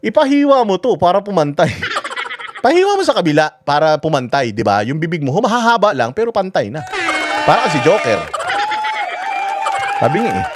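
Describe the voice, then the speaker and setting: Loud mocking man ranting. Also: sits high, very animated, moderate pace, long pauses, music in the background. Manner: crude, mocking, jokey, switches into voices for anecdotes. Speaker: host of a political commentary livestream. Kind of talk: casual ranting commentary.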